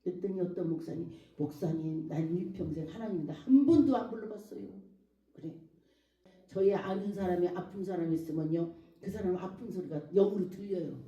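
A woman's voice: fairly low pitch, a little fast, mellow, highs cut off. A middle-aged woman pastor preaching a sermon, telling stories and acting out the voices of people she quotes. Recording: echoey room, mic at a distance.

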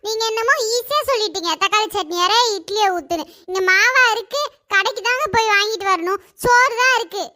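Squeaky, sharp cartoon village wife: Kanyakumari Tamil, tight-fisted, always bickering. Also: female voice, fairly quick, few pauses, no echo, clean studio sound. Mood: scolding. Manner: scolding, bickering. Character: stingy, sharp-tongued village housewife.

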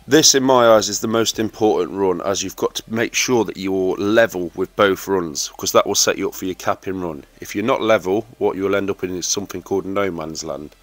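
A man's voice: deep voice, a little fast, hardly any pauses, no room sound. Man narrating a welding tutorial. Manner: steady, instructive, addresses viewers as guys. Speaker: welding instructor.

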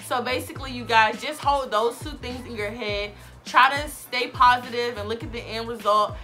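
A young college student vlogs from her bed, giving casual advice to camera in a slightly high, sharp voice. Chatty and encouraging, she calls viewers "you guys" and sounds a bit sniffly as she gets over a cold.

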